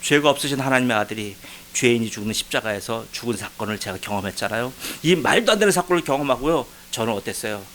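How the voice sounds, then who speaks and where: A man pastor preaching a sermon as a personal testimony, his voice shifting from hushed reflection to loud, pleading cries. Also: mid-range voice, expressive, fast, few pauses, slight background noise, poor audio. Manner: emotional testimony, swings from quiet to loud pleading. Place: church sanctuary.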